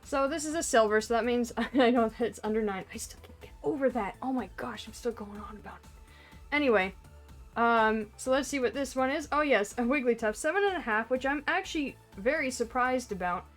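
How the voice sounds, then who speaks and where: A woman with a fairly high voice gushes and rambles through an unboxing, often trailing off, laughing and starting over. She talks into a camera mic at home, and faint music plays softly underneath. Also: a little fast. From Canada. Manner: excitable, gushing, laughs often, trails off and restarts. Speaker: card collecting vlogger.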